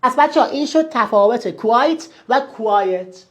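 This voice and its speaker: A woman's voice: on the high side, lively intonation. A woman teaching English words, often stopping to quiz the listener with short questions. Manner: quizzing the listener with quick questions. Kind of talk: teaching vocabulary to learners.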